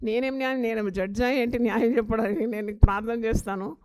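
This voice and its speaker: Earnest woman pastor, slightly high voice. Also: fairly even intonation, fast, a little mellow. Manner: earnest, exhorting, with rhetorical questions. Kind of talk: sermon.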